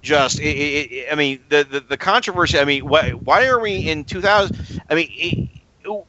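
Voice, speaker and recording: A man co-hosting a casual podcast chat, talking in halting bursts full of stammers and restarts. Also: on the high side, pushed and bright, no echo, dull audio. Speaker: podcast co-host.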